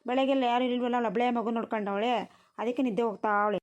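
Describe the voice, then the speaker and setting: A woman voicing a tired, sharp-tongued village grandmother in a cartoon, nagging and scolding. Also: fairly high pitch, fairly even intonation, very fast, lo-fi sound, close to an everyday voice. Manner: nagging, scolding rural speech. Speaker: grandmother tending a newborn.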